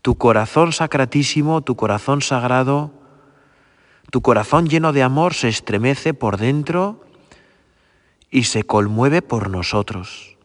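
A man giving a gentle, prayerful sermon, often repeating phrases and asking his listeners for agreement. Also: medium pitch, animated, a little slow, big-room sound. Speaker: priest. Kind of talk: meditative sermon.

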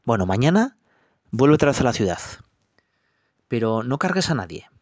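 Man doing a gentle mother donkey. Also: mid-range voice, sing-song, normal speed, no room sound, clean studio sound, lightly acted.

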